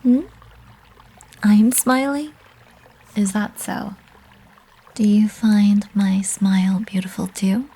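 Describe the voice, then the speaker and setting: Woman as a breathy, flirty succubus, ASMR role-play. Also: medium pitch, fairly even intonation, slow, pauses often. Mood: coy, seductive. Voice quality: breathy, soft. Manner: teasing, intimate, coaxing.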